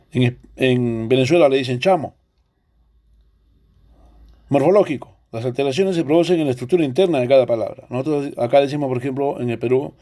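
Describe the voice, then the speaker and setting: A man's voice: mid-range voice, dark tone. A male teacher with a Peruvian accent explaining a language lesson, asking rhetorical questions along the way. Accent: Peruvian Spanish. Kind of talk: recorded online language lesson.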